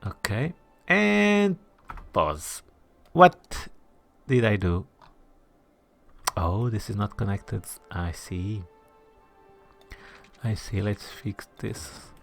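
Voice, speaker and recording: Extremely slow and gravelly, this lowish, expressive voice belongs to a gaming host playing a city-builder, leaving long pauses as faint music runs behind him. He reasons aloud and mutters asides, sometimes sinking to a whisper. Toward his viewers he's chatty and self-mocking.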